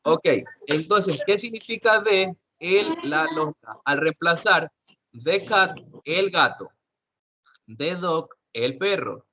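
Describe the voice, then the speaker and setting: A man's voice: a little high, expressive, takes it slowly, pushed and bright. A man teaching an English class online, explaining step by step, often repeating himself and checking with questions.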